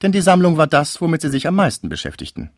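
A coy young girl from a classic novel, chattering and flattering in a lifted, lilting voice that bounces up and down, as a male narrator puts her on. The reading is close and dry, with no room sound. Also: on the high side, fast talker, dry recording, voice pushed up, heavily acted.

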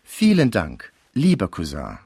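A man's voice: fairly low pitch, huge pitch swings, measured pace, gravelly, warm tone, slightly rough, no room sound, studio quality, exaggerated voice. A man voicing an older, stiff and socially eager mother in an audiobook reading. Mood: gushing.

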